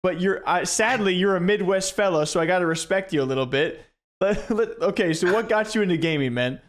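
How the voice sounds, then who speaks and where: A man's voice: sits high, a little fast. A man from Iowa hosting an interview, asking questions with teasing, exasperated banter. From Iowa, USA. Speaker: interviewer, host. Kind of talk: casual interview.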